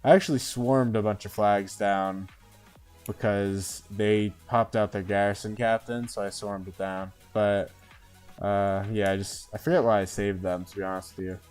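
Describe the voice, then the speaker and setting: A man with a lowish, smooth and resonant voice chats his way through a live game stream. He thinks out loud and often drops in "uh" and "right?". Soft music plays in the background. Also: fairly even intonation, moderate pace. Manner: chatty, thinking aloud with many "uh" and "right?". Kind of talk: casual live gameplay commentary.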